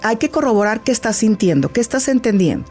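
A middle-aged grief therapist explains things patiently in an interview, her fairly high voice expressive and quick, with faint music behind. Warm and didactic, she acts out little dialogues with a child.

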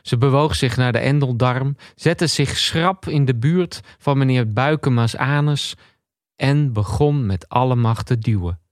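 A man reading a comic story he wrote himself, in a deliberate storybook narration. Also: medium pitch, no echo, clean studio sound. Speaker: comedian reading his own story.

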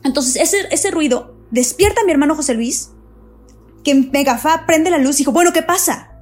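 Animated high-voiced woman. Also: normal speed, faint music behind. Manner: animated, repeats words, many fillers. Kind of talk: casual chat.

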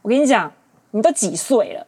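A podcast host in her late twenties with a Taiwanese Mandarin accent rants animatedly and with exasperation through a casual monologue of dating advice. Her voice sits on the high side, husky, and she talks briskly.

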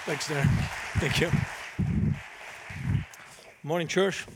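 Guest preacher, higher-pitched man, earnest with jokes. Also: fairly even intonation, takes it slowly, crowd noise, background noise. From Lebanon. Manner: humorous, storytelling, earnest. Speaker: guest speaker. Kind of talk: church talk to a congregation.

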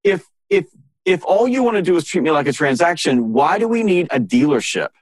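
A man's voice: on the high side, fairly quick, no room sound. Emphatic man telling sales stories. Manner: emphatic, animated anecdotes with exasperated rhetorical questions. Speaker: sales author and interview guest. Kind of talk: podcast interview storytelling.

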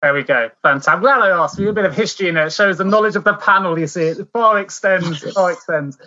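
Brief: male podcast host, high and bright, upbeat, dull lo-fi sound. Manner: upbeat, quick praise and jokes. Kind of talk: panel podcast chat.

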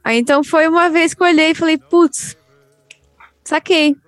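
A young adult woman, a podcast co-host, chatting casually among friends and telling lively anecdotes in which she acts out the voices. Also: very high-pitched, very fast, no echo. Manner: animated storyteller, acts out voices in her anecdotes.

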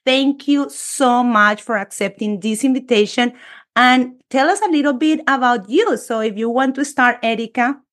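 A woman hosting a podcast interview over a video call, enthusiastic and expressive as she welcomes her guests. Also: on the high side, normal speed. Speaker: podcast host. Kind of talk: casual interview chat.

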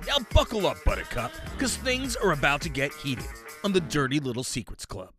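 A man's voice: a little high, huge pitch swings, fairly quick, over music. A man hosting a show, delivering a scripted intro as dramatic, hyped-up announcing. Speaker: podcast co-host.

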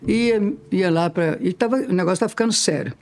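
Uma mulher de oitenta e poucos anos com sotaque mineiro, contando casos de forma animada e imitando as vozes das pessoas. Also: female voice, fairly low pitch, fast talker. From Ubá, Minas Gerais, Brazil. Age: 80s. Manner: lively, laughing, acts out quoted voices. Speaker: interviewed singer, twin sister. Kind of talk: casual storytelling.

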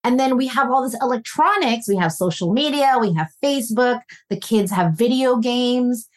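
In a podcast interview, a woman relationship coach with a somewhat high, expressive voice speaks at a normal speed. She comes from a Filipino family, grew up in North America, and tells family stories in an earnest, reflective way, punctuated by warm laughs.

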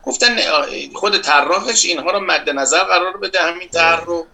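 A man's voice: sits high, creaky, pushed and bright, rough recording. A middle-aged architect from Iran answering interview questions, emphatic and insistent as he dismisses rumors. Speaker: architect guest, competition organizer.

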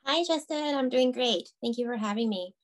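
A woman from Taiwan in her thirties, chatting as a podcast guest, soft-spoken and chatty with frequent fillers and light laughs. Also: a little high, normal speed. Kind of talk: casual interview conversation.

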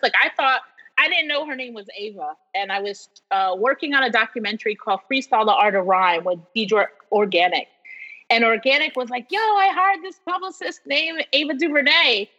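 A woman from New York in her forties, a professor telling stories as an interview guest in an animated way, laughing often. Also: a little high. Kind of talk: casual storytelling interview. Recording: dull lo-fi sound with long reverb.

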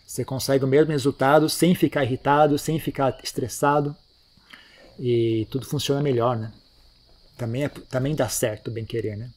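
A man giving a relaxed, conversational Buddhist dharma talk, often ending phrases with tag questions. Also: medium pitch, moderate pace. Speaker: Buddhist teacher. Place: monastery.

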